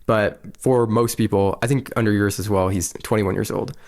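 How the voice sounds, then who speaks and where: A man's voice: fairly low pitch, fairly even intonation, normal speed, vocal fry, a little mellow. A man in his early twenties hosting a podcast interview, chatting casually and eagerly, filling his speech with "like". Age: early 20s. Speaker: podcast host.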